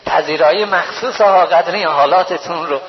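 A man preaching a religious sermon at a mourning gathering, moving between plain storytelling and high wailing chant. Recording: dull low-fidelity recording.

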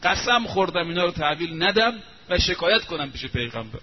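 A man's voice: sits high, sing-song. A preacher voicing a defiant proud noblewoman. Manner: indignant, protesting. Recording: muffled lo-fi recording, faint hiss.

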